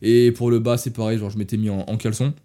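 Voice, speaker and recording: On a laid-back travel podcast, a young man from France talks fast in a warm, lowish, level voice. His storytelling wanders, full of restarts and self-corrections, and he addresses his audience as "les gars".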